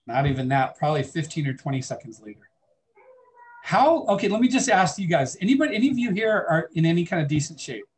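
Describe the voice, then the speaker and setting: A man's voice: on the high side, big pitch swings, quick pace. Chatty male biology teacher. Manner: conversational, asks the class questions. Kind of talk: classroom lecture. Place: classroom.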